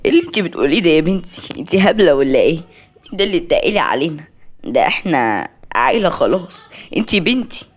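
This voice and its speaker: A motherly middle-aged woman soothes and gently scolds, as a woman reader plays her. Egyptian accent, lively intonation on a lowish voice, storybook telling. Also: rapid-fire. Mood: soothing.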